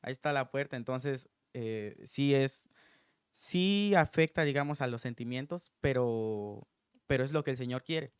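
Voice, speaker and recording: A man's voice: mid-range voice, expressive, a little slow, clear, resonant tone, no echo, clean studio sound. Earnest man giving an informal sermon. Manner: earnest, thinking aloud. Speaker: preacher.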